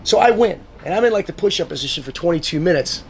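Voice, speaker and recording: A man telling stories in a casual sit-down conversation, animated and profane, acting out what others said. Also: high voice, fast talker, slight background noise. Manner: swearing, animated storyteller who acts out quotes. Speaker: guest, motivational speaker.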